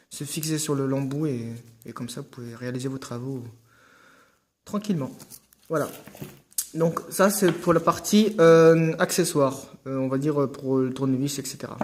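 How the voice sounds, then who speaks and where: A man's voice: fairly high pitch, a little mellow, a little hiss or hum. Chatty hesitant man unboxing a gadget. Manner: hesitant, many fillers and restarts, joking asides. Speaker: unboxing video host. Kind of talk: casual unboxing commentary.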